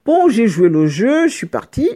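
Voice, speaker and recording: A middle-aged woman giving a casual spoken account, animated, with frequent restarts, slipping into other people's voices with sudden pitch jumps. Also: normal speed, breathy edge. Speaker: storyteller recounting a personal experience.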